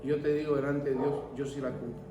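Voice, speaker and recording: A man's voice: medium pitch, flat delivery, a little fast, echoey room, distant mic, dull audio, music in the background. A man preaching a sermon as pastor, telling stories and leading a prayer. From Venezuela. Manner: preaching with storytelling and a closing prayer.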